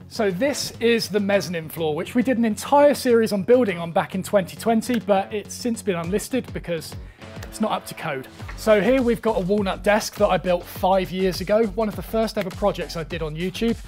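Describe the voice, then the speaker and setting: A young man with a notably high speaking voice leads a tour of his own workshop. He reels off tools and shelves in quick, upbeat lists with plain enthusiasm. Faint music plays underneath him. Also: darkish tone. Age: young adult. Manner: enthusiastic, brisk listing of items. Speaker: woodworking channel host. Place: indoor workshop, small and cluttered.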